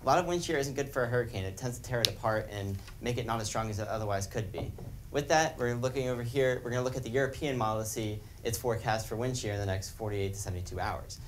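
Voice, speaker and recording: A man's voice: medium pitch, quick pace, noisy background. A man giving a live technical forecast, explaining maps as he goes. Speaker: weather forecaster.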